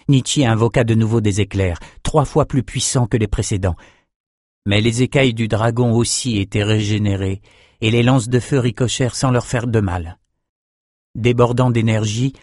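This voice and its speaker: A man reading a fantasy novel aloud as narrator, in a steady, measured way. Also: lowish voice, no echo, studio quality. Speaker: audiobook narrator.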